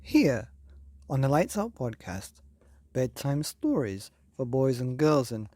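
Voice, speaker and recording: As a podcast host, a man tells a children's bedtime story in a husky voice with big pitch swings, going theatrical with drawn-out words and hushed phrases. The recording is close and dry, with no room sound.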